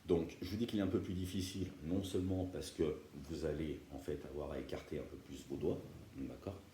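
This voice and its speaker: A man's voice: rumbling low, steady tone, brisk, slight background noise. A man teaching beginners guitar step by step, patient and often checking that viewers follow. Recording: roomy room with loud guitar playing.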